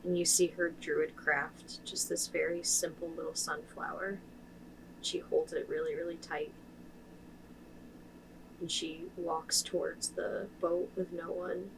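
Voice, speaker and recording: A woman's voice: on the low side, level tone, a little slow, gravelly, a little hiss or hum. A woman playing in a tabletop game, narrating her character's actions. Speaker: player. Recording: distant mic with faint ambience.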